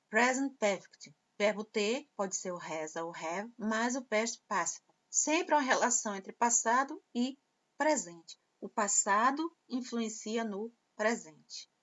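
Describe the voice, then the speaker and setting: A woman teacher explaining English grammar slowly and patiently. She repeats example phrases and translates them. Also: fairly high pitch. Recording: dull lo-fi sound.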